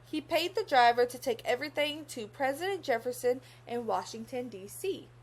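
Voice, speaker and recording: A young adult woman with a high-pitched voice and lively intonation reads a children's story, with a slight hiss or hum audible. She takes a teacherly approach, pausing for questions to young listeners.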